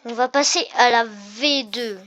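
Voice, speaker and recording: Slow-talking woman commenting on gameplay. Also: fairly high pitch, a bit bright. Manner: chatty, thinking aloud with fillers. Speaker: gaming video host. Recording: game music playing behind.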